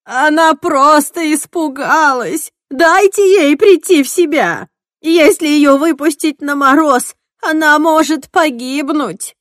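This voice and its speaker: A frantic woman begs and soothes in a high, strained voice, put on by a female audiobook narrator. She is loud, breathless, and pleading, like a storybook character on the edge of panic. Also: wildly swooping pitch, unhurried, dry recording, clean studio sound. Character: frantic woman soothing her monstrous sister.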